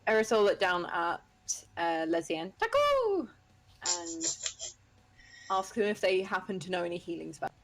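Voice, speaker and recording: A woman's voice: lowish voice, sing-song, moderate pace. A woman playing a tabletop game, casually describing and speaking for her character.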